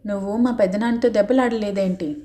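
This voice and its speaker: A touchy, stubborn ten-year-old girl , as a woman narrator reads her, answering in short, defiant bursts. The voice is mellow and close to the reader's own, storybook style. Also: medium pitch, fairly even intonation, a little fast, lightly acted. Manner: curt, defiant.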